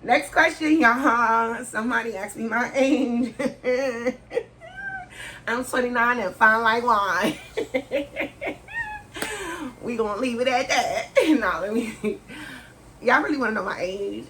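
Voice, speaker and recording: In a casual sit-down Q&A vlog at home, a frank woman in her 30s laughs and talks slangily while answering questions. Her voice is on the high side and sharp, and she speaks slowly with long pauses over a faint hiss of room noise.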